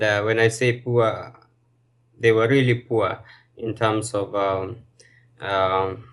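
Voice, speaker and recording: Male guest, low voice, very slow and halting delivery. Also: a bit bright. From Kenya. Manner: hesitant, many fillers and pauses. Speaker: guest bodybuilder and personal trainer. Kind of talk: casual interview.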